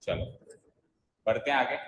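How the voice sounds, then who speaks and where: A man teaching an English grammar class, quizzing students by name and coaxing them to listen closely. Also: a little slow. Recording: echoey roomy sound.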